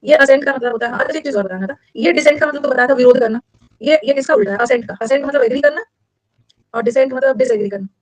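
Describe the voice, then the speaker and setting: In a fast, talkative live online class, an Indian woman preparing students for competitive exams teaches English vocabulary, shifting between Hindi and English. She sounds high-pitched, with a dry, rough recording.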